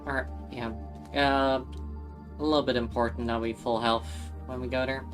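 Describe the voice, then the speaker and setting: A man's voice: mid-range voice, level tone, moderate pace, music in the background. A man casually chatting with a friend while playing a co-op game, swearing offhandedly and explaining mechanics. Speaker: co-op streamer.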